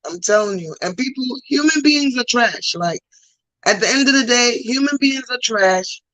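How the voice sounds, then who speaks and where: This Trinidadian comedian's voice runs fairly high, expressive, and a bit bright, at a moderate pace. Chatting casually as a podcast guest with a thick local accent touched by New York, she makes blunt, emphatic points and repeats them, on a dry, rough recording.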